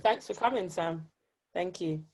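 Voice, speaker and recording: A woman hosts a podcast with an upbeat, polished radio-presenter delivery. Her voice sits fairly low for a woman, and she keeps the conversation moving warmly between guests. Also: measured pace. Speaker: podcast host.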